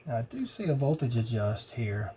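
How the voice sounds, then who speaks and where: Hunched over a cluttered electronics workbench, a hobbyist mutters and muses in a halting, offhand way as he tests components, his medium-pitched voice mellow and sing-song. An old phone serving as an overhead camera records it, picking up lots of workshop noise.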